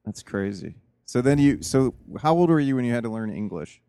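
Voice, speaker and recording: A man's voice: mid-range voice, sing-song, fairly quick, dark tone, clean tone, no room sound, studio quality. A male podcast host who keeps asking his guest curious follow-up questions. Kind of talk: casual interview.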